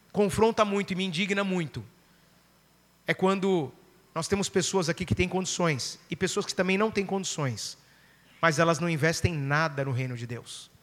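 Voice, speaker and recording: A Brazilian man preaching to a church congregation, telling a story with lively acted-out voices. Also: sits high, in a large hall. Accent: Brazilian Portuguese. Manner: animated storyteller, acting out quoted voices. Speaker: pastor. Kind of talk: sermon with storytelling.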